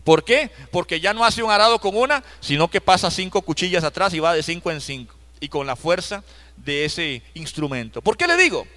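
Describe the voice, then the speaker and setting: Emphatic Costa Rican pastor, high bright voice. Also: male voice, big pitch swings, brisk. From Costa Rica. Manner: emphatic, repeats key phrases, asks the congregation direct questions. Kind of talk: live Bible study sermon. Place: church.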